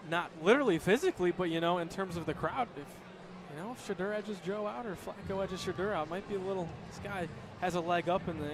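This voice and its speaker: A man doing color commentary at a celebrity softball game, talking with enthusiasm as he sizes up the players. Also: fairly high pitch. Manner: enthusiastic, quick talker. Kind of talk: live sports commentary. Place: outdoor ballpark. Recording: outdoor ballpark broadcast with crowd and noise.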